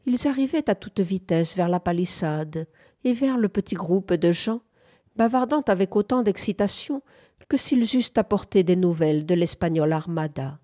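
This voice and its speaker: A woman narrating a literary audiobook in a calm, measured way. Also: on the low side. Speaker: audiobook reader.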